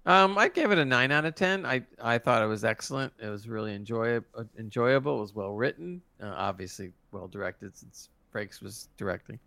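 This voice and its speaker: Bright-voiced enthusiastic man, dry sound. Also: mid-range voice, a little fast, creaky, few pauses, dry recording. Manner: enthusiastic, stumbling restarts. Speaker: podcast co-host. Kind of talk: casual review chat.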